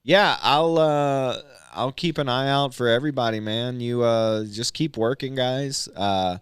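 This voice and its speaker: A man with a mid-range, smooth voice talks a little slowly, recorded clean in a studio with no room sound. He's a stand-up comedian and military veteran appearing as a podcast guest, chatting loosely and rambling with plenty of fillers and restarts in casual conversation.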